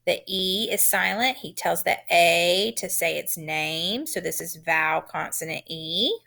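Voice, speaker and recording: A woman teaching a phonics lesson, sounding out letters and syllables in a deliberate, encouraging way. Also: fairly low pitch, creaky, pushed and bright.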